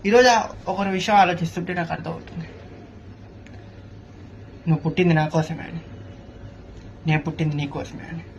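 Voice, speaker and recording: Guy saying soft lovey-dovey lines, hushed and slow, highish voice, muffled audio. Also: vocal fry, slight background noise. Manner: hushed, tender, drawn-out delivery. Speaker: actor rehearsing a romantic scene. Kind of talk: soft romantic line delivery in a comedy sketch. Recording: dull, slightly muffled recording with faint ambience.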